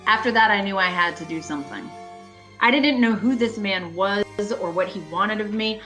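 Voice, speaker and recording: A woman's voice: mid-range voice, normal speed, bright, forceful tone, natural voice. A woman playing a haunted, anxious motorist in an amateur radio play, narrating her journey in an earnest, dramatic way. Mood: tense, haunted. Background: prominent music.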